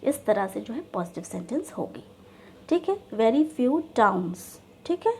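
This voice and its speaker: A woman teaching an English grammar lesson, explaining step by step and reading example sentences out slowly. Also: fairly high pitch, big pitch swings, mellow, slight background noise. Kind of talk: classroom-style grammar lesson.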